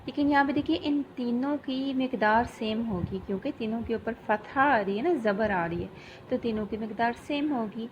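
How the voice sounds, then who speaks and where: A woman teaching Quran recitation rules, slowly drawing out each sound to demonstrate, then explaining briskly. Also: fairly high pitch. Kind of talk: tajweed lesson. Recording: dull lo-fi recording with faint background noise.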